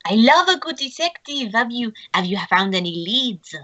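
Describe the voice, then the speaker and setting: A woman's voice: a little high, big pitch swings, normal speed, pushed and bright, muffled recording, pitched above the performer's own voice, full character voice. A woman voicing an overly friendly female tiefling wrestler, putting on a French accent and speaking eagerly. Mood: gushing. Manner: eager, gushing.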